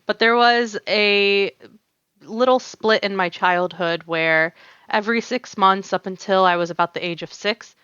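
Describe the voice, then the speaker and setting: A young adult tatreez artist from the United States, whose first language is Arabic, tells stories as a guest on a casual podcast, full of fillers, restarts and frequent laughter. Her mid-range voice is steady, fairly bright and smooth, at a measured pace, and the recording is dry and dull.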